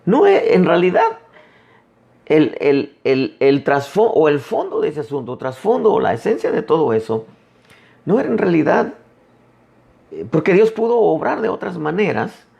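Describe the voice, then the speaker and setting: A man preaching a sermon as an apostle, emphatic with dramatic pauses. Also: a little high, sing-song, gravelly, a little mellow, lo-fi sound.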